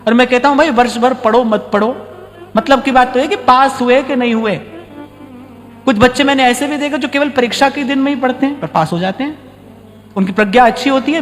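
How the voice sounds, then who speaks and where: A man with a high-pitched voice gives a devotional sermon, speaking conversationally and repeating key lines for emphasis. His voice carries a long hall reverb, with faint music underneath. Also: brisk. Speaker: spiritual teacher giving a discourse.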